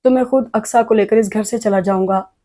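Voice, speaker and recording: Woman doing a blunt young guy, curt and dismissive, low-key flat delivery. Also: a little fast, natural voice. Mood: resolute. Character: blunt, defiant young man.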